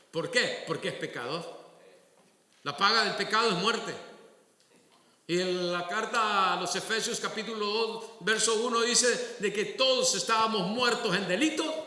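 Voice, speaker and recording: A man pastor preaches a sermon in a bright, sharp voice, slow and deliberate. His delivery jumps between loud exclamations and low asides. The sound rings with long church-hall reverb. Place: church sanctuary.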